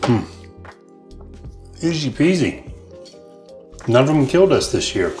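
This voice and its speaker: A man's voice: mid-range voice, sing-song, fast talker, darkish tone. A man co-hosting a show, chatting casually and enthusiastically as he tastes hot sauces. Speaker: co-host of a local food and small business show. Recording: roomy echo with music.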